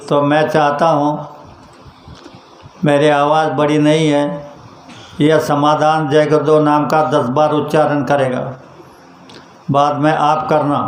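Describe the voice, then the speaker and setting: Slow, echoey male sermon voice. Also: on the high side. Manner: slow, patient storytelling to a congregation. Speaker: spiritual teacher. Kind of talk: storytelling sermon. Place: religious gathering hall. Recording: echoey hall sound.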